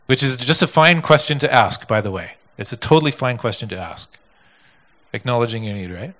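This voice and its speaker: A male pastor telling a story in a sermon, animated and full of repeats and restarts. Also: mid-range voice, fairly quick. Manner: animated, repetitive, with many restarts.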